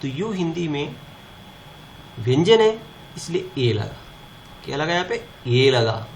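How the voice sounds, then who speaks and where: A man runs a classroom grammar lesson, his voice set a little high. He poses questions and answers them himself, again and again. A soft hiss sits under the recording. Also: very animated, unhurried. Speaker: teacher.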